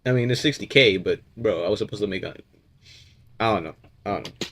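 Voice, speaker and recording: A man's voice: fairly low pitch, fairly quick, a bit bright. A man reacting to a clip with blunt, profane, incredulous commentary. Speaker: reaction video host.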